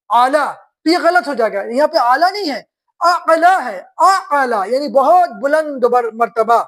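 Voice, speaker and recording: A woman teaching beginners to read, spelling words slowly syllable by syllable and quizzing her students. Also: high-pitched. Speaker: Quran reading teacher.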